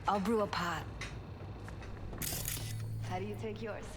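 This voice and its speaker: A woman's voice: medium pitch, steady tone, slow, very noisy, natural voice. An actress playing a weary, tender but guarded young woman diver in a video game drama. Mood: soft, caring.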